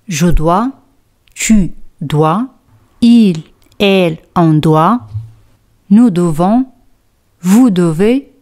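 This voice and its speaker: Slow, deliberate woman teaching French. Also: fairly low pitch, expressive, a little mellow. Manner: slow, deliberate, repeats phrases for drilling. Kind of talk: slow scripted language lesson.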